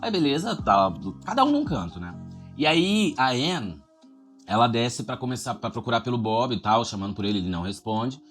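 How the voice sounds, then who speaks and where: A man retells a horror movie scene by scene in loose, excited chat. He swears freely and keeps a mid-range voice. Soft music plays under him. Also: medium pitch, moderate pace. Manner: animated, profane storytelling with slang. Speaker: horror film reviewer. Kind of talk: casual film recap.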